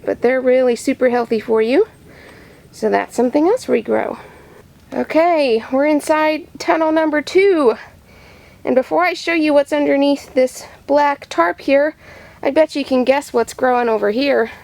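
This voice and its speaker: A woman takes little kids on a bright, simply worded show-and-tell tour of her vegetable farm, among the tunnels and outdoor beds. Her high voice is gravelly with a darkish tone, at a moderate pace.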